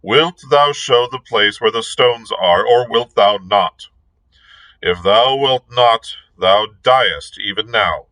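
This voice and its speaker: Grave young king, measured and formal, slow and deliberate delivery, voiced by a man reading a story. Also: lowish voice, bright, forceful tone, rough recording. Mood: commanding. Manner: solemn, measured archaic speech.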